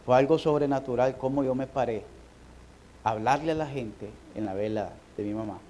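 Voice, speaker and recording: A man, a pastor preaching a sermon, moving from quiet personal storytelling to emphatic appeals. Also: medium pitch, a little hiss or hum, rough recording. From Nicaragua. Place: church sanctuary.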